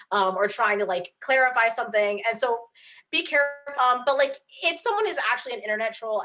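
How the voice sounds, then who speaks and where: A woman guest author chats frankly on a video call, her speech full of filler words and restarts. Her voice is on the high side and a bit bright.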